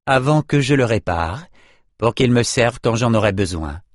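A self-assured hero explains his risky plan calmly and wryly, read by a man in his own medium-pitched voice. The audiobook sound is dry and close. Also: moderate pace, dry recording, close to an everyday voice. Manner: calm, matter-of-fact explaining. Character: calm, self-assured male hero, wry and unruffled.

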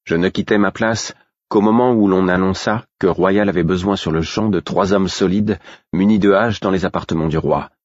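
A man narrating a story in the first person as an audiobook, with measured, even storytelling. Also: low voice, no room sound. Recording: dull, dry recording.

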